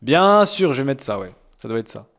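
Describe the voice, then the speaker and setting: A man's voice: mid-range voice, sing-song, normal speed, a bit bright. A young man streaming, reacting to fan-sent rap songs in casual, slangy talk with mocking, exaggerated complaints.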